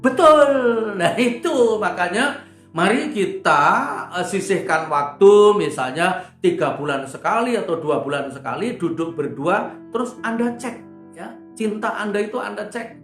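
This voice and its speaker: A man's voice: high voice, lively intonation, moderate pace. An older male pastor preaching a sermon, telling humorous personal stories and acting out the dialogue. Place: church. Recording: echoey church hall. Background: soft guitar music.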